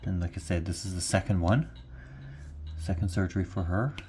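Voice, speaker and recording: Chatting to camera from a lamp-lit room at home one night, a congested craft vlogger rambles and goes over the same things more than once. He has a deep, darkish voice at a moderate pace, with slight noise in the background.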